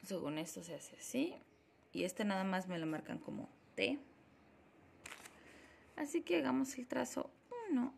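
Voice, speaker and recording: Slow, chatty woman sounding out letters. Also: medium pitch, very animated, vocal fry, darkish tone, slight background noise. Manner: slow, thinking aloud while writing and sounding out letters. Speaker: language learner streaming her study sessions. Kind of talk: casual live study stream.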